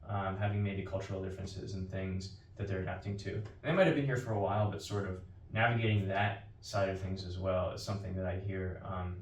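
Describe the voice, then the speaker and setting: Low-voiced podcast host, rambling questions. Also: male voice, fairly even intonation, fairly quick, hardly any pauses, slight background noise. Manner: long winding questions with many "um"s and restarts. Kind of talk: interview questions. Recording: roomy, distant mic.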